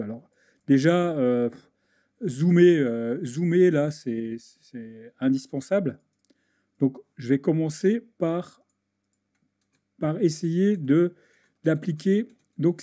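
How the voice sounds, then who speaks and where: A man giving a casual software tutorial over a screen recording, hesitant and full of restarts as he clicks through settings. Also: on the high side. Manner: hesitant, many restarts and fillers, talks while clicking. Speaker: video editing tutor.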